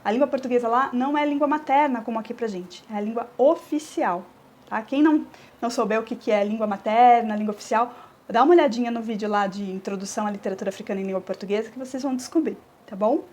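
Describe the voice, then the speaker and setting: A Brazilian woman teacher records a review lesson for her students. Her voice sits a little high, and she explains step by step, often stopping to check that they follow. She slows down to draw out syllables when she counts verse. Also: darkish tone. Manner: stretches words when scanning verse.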